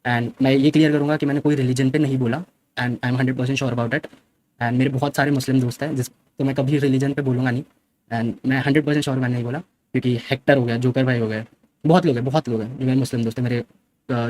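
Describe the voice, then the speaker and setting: A young man, a streamer, retelling a fight in a fast and defensive way and mixing in English words. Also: mid-range voice, fairly even intonation, darkish tone, a little hiss or hum. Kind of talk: casual storytelling.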